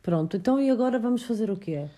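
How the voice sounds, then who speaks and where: A woman's voice: on the high side, expressive, fast talker, mellow. A middle-aged woman with a European Portuguese accent, chatting casually and unscripted as a podcast co-host. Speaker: podcast co-host with her son.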